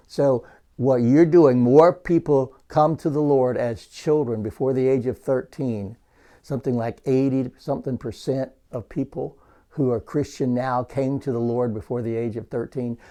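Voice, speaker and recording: A man's voice: medium pitch, dark tone. A man, an associate pastor, teaching church leaders about volunteers in a conversational way, repeating points for emphasis.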